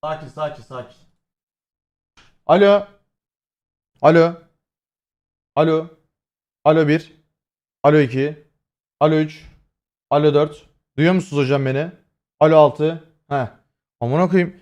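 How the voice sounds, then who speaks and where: A man's voice: on the high side, measured pace, pauses often, darkish tone, dull audio. A young man livestreaming, chatting casually and swearing as he talks straight to his chat at a desk microphone. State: voice strained after hoarseness. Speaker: streamer.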